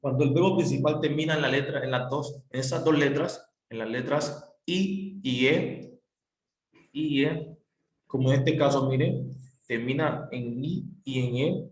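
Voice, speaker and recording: A man's voice: mid-range voice, measured pace, a little mellow. A man teaching a grammar lesson, patient and repetitive, spelling out letters one by one. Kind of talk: recorded classroom explanation. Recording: echoey room.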